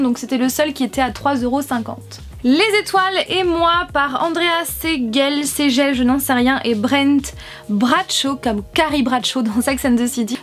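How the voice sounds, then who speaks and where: A woman vlogger chatting casually to camera about books she bought, hesitating often with fillers. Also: high voice. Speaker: book vlogger. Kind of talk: casual haul chat to camera.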